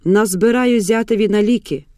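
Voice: mid-range voice, moderate pace, warm tone, no room sound, studio quality, lightly acted. A reader voicing a stern, curt old grandmother in an audiobook who gives orders. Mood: calm. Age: older. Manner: curt, domineering, predatory.

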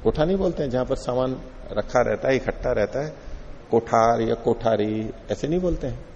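A man teaching a classical philosophy text in a lecture hall, reciting verses slowly and then explaining them with rhetorical questions. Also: medium pitch, creaky, a little mellow, a little hiss or hum. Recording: dull lo-fi recording with long hall reverb.

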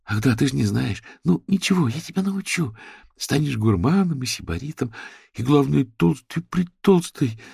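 A man's voice: medium pitch, very animated, normal speed, creaky, mellow, breathy edge, dry recording, studio quality, pitched above the performer's own voice, exaggerated voice. A man reading an audiobook, voicing a fervent woman who whispers tenderly and frantically to a sick animal. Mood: frantic tender. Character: woman writer, fervent and doting.

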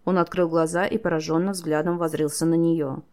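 A woman narrating an audiobook in a steady storytelling manner, voicing the characters herself. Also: low voice, fairly quick. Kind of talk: scripted narration.

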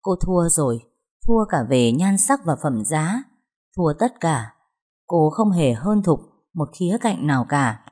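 A woman narrating a story in a steady, even way. Her voice sits very low and sounds mellow and soft. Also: measured pace. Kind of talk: scripted narration.

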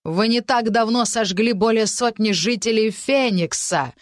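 A woman's voice: medium pitch, moderate pace, no room sound, studio quality, natural voice. A woman playing a fiery defiant young heroine, breathless with outrage.

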